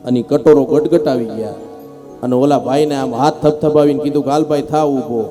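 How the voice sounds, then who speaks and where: A man preaching a devotional sermon as a lively storyteller who acts out the characters in his parable. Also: mid-range voice, normal speed, music in the background. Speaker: scripture reciter.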